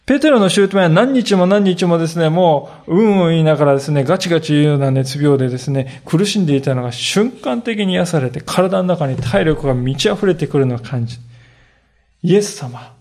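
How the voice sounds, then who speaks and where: A man delivers a sermon as a pastor, with a somewhat high voice roughened by gravelly fry. His storytelling is earnest and animated. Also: fairly quick, hardly any pauses.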